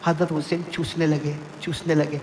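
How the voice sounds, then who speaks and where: A man preaching an impassioned sermon at a live gathering, prompting the seated crowd to call back praise and swinging between soft pleading and high cries. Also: level tone, a little hiss or hum. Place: religious gathering before a seated audience. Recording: echoey hall with long reverb, faint ambience.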